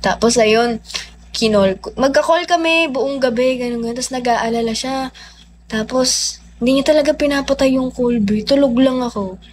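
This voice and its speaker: A young woman livestreaming, telling a personal story in a chatty, animated way with lots of fillers. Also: high-pitched, moderate pace, a little hiss or hum. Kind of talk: casual storytelling.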